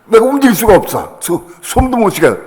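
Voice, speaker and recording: An older man, a pastor, telling a personal story in a sermon, acting out other voices with sudden loud bursts. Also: high voice, sing-song, brisk. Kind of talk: sermon testimony. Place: church sanctuary. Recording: long hall reverb.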